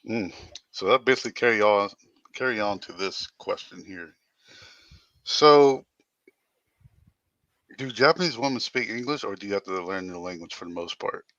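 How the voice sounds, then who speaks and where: A man's voice: on the low side, lively intonation, normal speed, pauses often, a bit bright, no room sound, muffled recording. A man interviewing a guest with short, laid-back prompts and questions.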